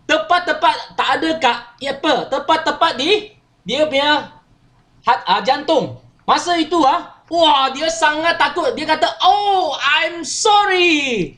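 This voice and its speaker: A woman's voice: sits high, unhurried, a bit bright. A woman leads a workshop, telling a story and often checking in with her listeners. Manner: chatty, asks listeners questions, frequent 'okey' tags. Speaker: workshop trainer. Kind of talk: training talk with storytelling.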